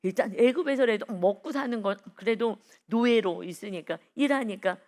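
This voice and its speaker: A middle-aged woman preaching an early-morning sermon, emphatic and repetitive, rising to loud exhortations. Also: a little high, moderate pace. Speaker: pastor.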